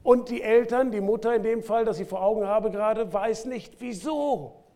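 Male pastor, slightly high voice, animated sermon delivery with big swings in volume. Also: fairly quick. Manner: lively preaching with sudden loud bursts and quiet drops. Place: church.

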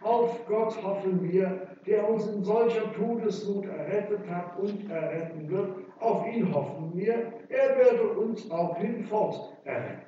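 A man with a high, mellow voice delivers a sermon, drawing his words out slowly and stressing them. He sounds distant from the mic, in a church with heavy echo. The recording is dull and muffled. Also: slight background noise. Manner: emphatic, with slow stressed phrases. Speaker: preacher.

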